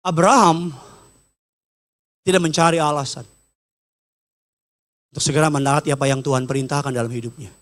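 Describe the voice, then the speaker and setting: A middle-aged man preaches in a lively, high voice. He jokes and teases his listeners, and he acts out the people he quotes with a sudden rise in his voice. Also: moderate pace, long pauses. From Batak. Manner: jokey, teasing asides. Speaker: pastor. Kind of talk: sermon. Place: church stage.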